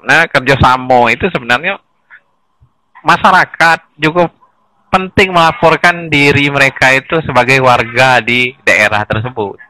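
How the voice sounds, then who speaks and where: A man with a bright, clear-edged voice explains things in a relaxed conversational way, often chuckling and restarting his sentences. He is recorded dry and close, with no room echo. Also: medium pitch, normal speed. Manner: animated, chuckles between points, restarts mid-sentence. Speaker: guest explaining village data administration.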